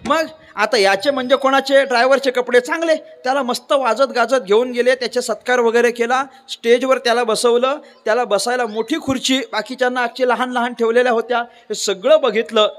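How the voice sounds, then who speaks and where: A man from Maharashtra preaching a devotional sermon, telling a story with lively asides and rhetorical questions to the crowd. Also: very high-pitched, brisk. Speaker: kirtan preacher. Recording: long reverb of a large hall.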